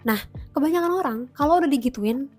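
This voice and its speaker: A young woman from Indonesia talks casually to her viewers in a bright, high voice. She is chatty and encouraging and mixes English phrases into her sentences. Soft music plays faintly behind her. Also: animated, fast. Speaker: vlogger. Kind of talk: casual talking-to-camera vlog.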